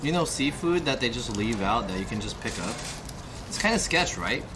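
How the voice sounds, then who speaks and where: With a very animated, mid-range voice at a moderate pace, a man in his thirties streams live from a restaurant where he's eating alone. He rambles, swears and keeps asking viewers questions, while background noise and music fill the room.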